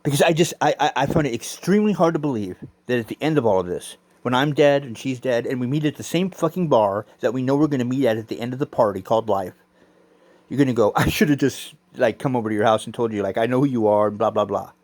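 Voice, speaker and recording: A man's voice: mid-range voice, fast, a little mellow, no room sound. A middle-aged man telling personal stories in a rambling, profane, intense monologue, arguing back and forth with himself. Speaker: vlogger.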